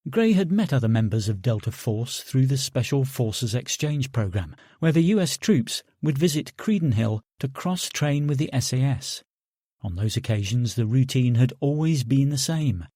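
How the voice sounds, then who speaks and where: A man narrating an audiobook in a calm, steady reading voice, close to the mic. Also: medium pitch, dry recording. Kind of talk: scripted narration.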